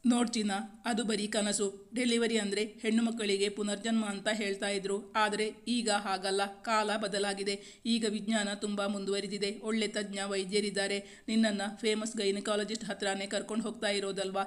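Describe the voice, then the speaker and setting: A woman voicing a tender young husband who softly soothes his pregnant wife. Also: medium pitch, level tone, normal speed, natural voice. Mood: reassuring. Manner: soft, soothing.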